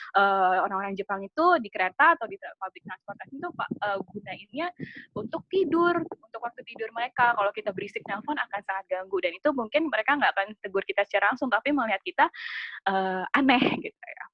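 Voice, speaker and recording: A woman's voice: a little high, no room sound. Chatty woman giving a webinar lesson. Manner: chatty, asks the audience questions, laughs at own jokes. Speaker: webinar presenter on Japanese culture. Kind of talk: casual lecture with slides. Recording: dry, slightly dull webinar audio.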